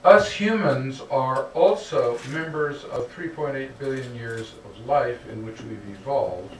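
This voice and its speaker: During the Q&A of a public talk, a lecturer answers questions earnestly at a measured pace in a medium-pitched voice, frequently adding "okay?". His voice comes through distant, roomy hall acoustics with a faint noise floor.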